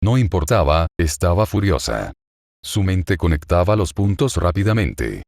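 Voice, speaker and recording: A man narrating a fan fiction story aloud in a steady, dramatic reading. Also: sits low, a little slow, creaky, no room sound, clean studio sound.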